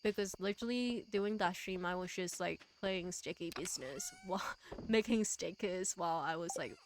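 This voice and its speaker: A woman's voice: lowish voice, wildly swooping pitch, normal speed, a little hiss or hum. A woman chatting casually on a game livestream as the streamer, rambling with lots of fillers, trailing off and restarting as she talks to chat.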